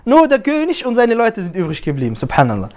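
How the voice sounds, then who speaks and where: A male preacher giving a Friday sermon, telling a story with lively acted-out dialogue and quick recited Arabic verses. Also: high voice.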